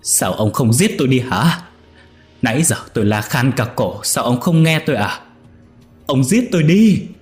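A man's voice: medium pitch, sing-song, moderate pace, faint music behind, pitched above the performer's own voice, lightly acted. A man voicing an older wife who shrieks hysterically at her husband. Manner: shrieking, accusing.

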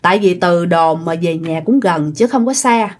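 A woman's voice: on the low side, normal speed. Chatty Southern Vietnamese woman storyteller. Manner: chatty, addresses listeners directly, many tag particles. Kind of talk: casual ghost story telling.

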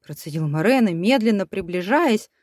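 A woman's voice: mid-range voice, moderate pace, no echo, studio quality. Woman reading a dramatic audiobook. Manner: steady, expressive reading. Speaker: audiobook narrator. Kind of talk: scripted audiobook narration.

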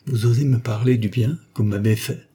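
A man's voice: mid-range voice, moderate pace, dark tone, breathy edge, voice pushed up. A man reading the part of a proud, scornful young former governess, with a cold, ironic, cutting delivery. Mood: furious. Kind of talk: audiobook dialogue reading.

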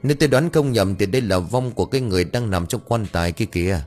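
A man's voice: on the low side, fast, a little mellow, faint music behind, natural voice. A man voicing a stern, authoritative male ritual master who gives firm orders.

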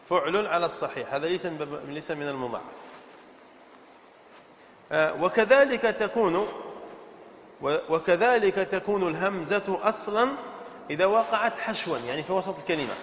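Male sheikh-teacher, high voice, quizzes the class and repeats points, long hall echo, dull sound. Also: lively intonation, normal speed, long pauses, a bit bright, a little hiss or hum. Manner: quizzes students with questions, repeats key points. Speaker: sheikh teaching Arabic morphology. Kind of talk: classroom lesson. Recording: echoey, dull lecture-hall recording.

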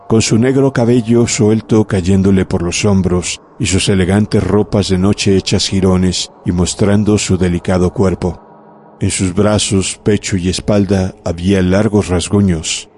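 A man narrating a horror audiobook in a measured, dramatic way. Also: low voice, a little mellow, slight background noise. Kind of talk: scripted narration of a horror story.

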